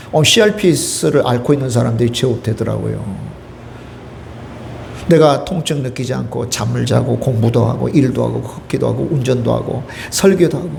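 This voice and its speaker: A man's voice: mid-range voice, gravelly, slight background noise. A middle-aged man preaching a sermon as pastor, asking the congregation questions and acting out quotes. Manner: lively preaching with call-and-response questions and acted quotes.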